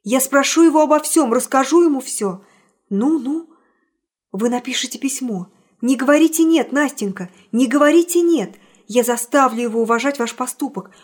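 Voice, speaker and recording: A woman's voice: sits high, normal speed. A woman voicing a shy, lovesick young man in an audiobook, confessing in an earnest, impassioned way. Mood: eager. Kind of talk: audiobook character reading.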